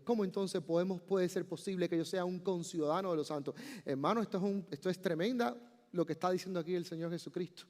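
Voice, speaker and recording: A male pastor preaching a sermon, building from calm explanation to emphatic, slowed outbursts. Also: high voice. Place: church sanctuary. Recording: long church reverb.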